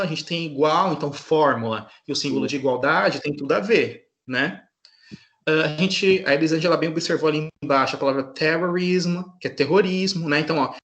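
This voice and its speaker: A man's voice: a little high, a bit bright, reverberant. A man teaching an English class online in a patient way, often checking in with his students.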